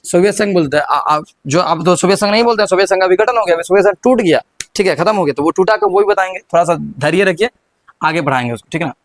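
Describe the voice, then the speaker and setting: A young male teacher with a Bihari Hindi accent and a high voice moves quickly through a classroom history lesson. He repeats his questions and prompts the students, frequently stumbling and starting over.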